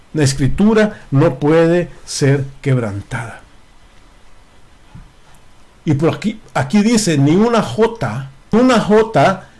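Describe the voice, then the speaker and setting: Brief: male lay preacher, slightly high voice, emphatic teaching tone, frequent restarts. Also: a little mellow. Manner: repeats words, many restarts and fillers. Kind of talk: Bible study sermon.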